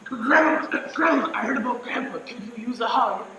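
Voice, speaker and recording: A man's voice: very high voice, moderate pace, pushed and bright, highs cut off, full character voice. A man playing the devil as a dramatic young grandson, exclamatory and melodramatic in a comic stage play. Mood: sweet, doting. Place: theatre stage. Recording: roomy stage, distant mic, faint noise.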